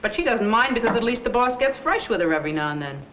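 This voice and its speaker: A woman's voice: on the high side, lively intonation, quick pace, a bit bright. A woman playing a nonchalant, underpaid secretary with dry, offhand 1940s screwball comedy banter. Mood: wry, offhand. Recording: echoey, faintly noisy old film soundtrack.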